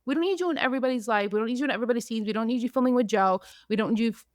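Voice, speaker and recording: A woman hosting a podcast, recapping in casual chat, animated, acting out what others said. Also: on the high side, rapid-fire, no echo, studio quality. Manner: animated, acts out quotes, frequent "like". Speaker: podcast host.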